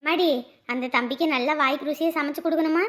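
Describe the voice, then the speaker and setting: A woman playing a fussy, warmly scolding mother figure in a family drama. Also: sits high, quick pace. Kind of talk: dubbed family serial drama.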